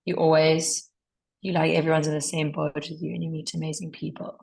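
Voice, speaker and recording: A South African woman with a hoarse, partly lost voice, giving a casual testimonial as a master's student on a panel. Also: deep voice, level tone, a little fast, darkish tone.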